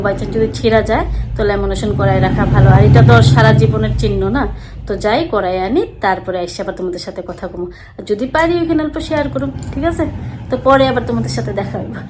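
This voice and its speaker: A middle-aged woman speaks in a brisk, colloquial vlog patter, addressing her viewers directly as she goes about her day at home. Her voice sits a little high and her words tumble out quickly, picked up close on a phone with a faint hiss behind her. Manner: chatty, talks straight to viewers in colloquial dialect. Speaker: vlogger. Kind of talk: casual home vlog chat.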